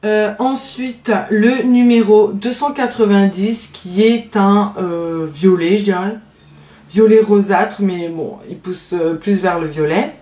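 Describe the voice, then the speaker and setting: A woman's voice: mid-range voice, takes it slowly, mellow, reverberant. A woman beauty vlogger casually showing her favorite nail polishes, hesitant with lots of fillers but enthusiastic about her favorites. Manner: hesitant, many fillers and trailing "donc voilà". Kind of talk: casual show-and-tell vlog.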